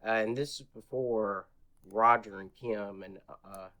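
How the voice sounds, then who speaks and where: A man's voice: on the low side, unhurried. A man being interviewed on a podcast, rambling as he retells a memory and acting out what people said in a raised voice. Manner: animated retelling, acts out quotes in a raised voice; rambling, many restarts and fillers. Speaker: interview guest. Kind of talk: casual storytelling.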